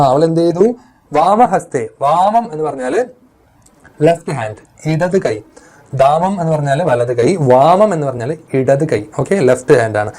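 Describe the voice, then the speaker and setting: A man gives an online tuition class, and his voice sits a bit high. He draws out each line of the old text slowly, then breaks into quick, chatty explanation. He keeps checking in with the class through questions. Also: a little mellow. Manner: reads Sanskrit lines slowly, then explains them in quick chatty bursts; often asks the class questions. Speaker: teacher.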